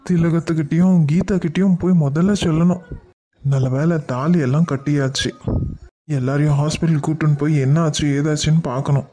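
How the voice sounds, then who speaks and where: A man's voice: a little high, fairly even intonation, a little fast, warm tone, slight background noise, close to an everyday voice. A man voicing a worried father-in-law in a cartoon, fretting hurriedly, with a Kanyakumari Tamil accent.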